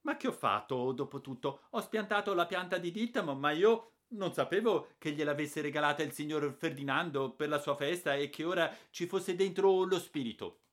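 A man's voice: fairly high pitch, lively intonation, normal speed, hardly any pauses, voice pushed up. A man doing a cheeky, whiny young boy. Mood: whining. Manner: whining, shouting.

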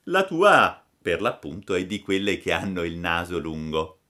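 The fairy is kind but gently stern, speaking in a calm and measured motherly way with lively rises and falls. A man acts her out in a storybook reading, keeping her unhurried. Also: low voice, full character voice. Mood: gentle.

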